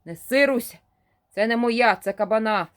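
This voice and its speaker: A woman's voice: a little high, moderate pace, close to an everyday voice. A woman voicing a brash young village man who swears and talks in coarse, slangy dialect. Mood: gruff.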